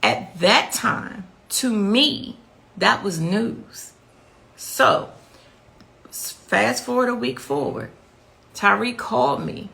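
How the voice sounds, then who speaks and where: A woman's voice: on the high side, expressive, takes it slowly, vocal fry, pauses often, sharp tone. A middle-aged woman speaking as the mother of the victim, giving intense interview testimony and repeating key phrases for emphasis.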